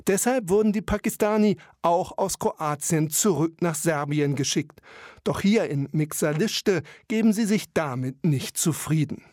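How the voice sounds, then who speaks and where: A man narrating a news report in a measured, matter-of-fact way. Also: on the high side, a little mellow, dry recording, clean studio sound.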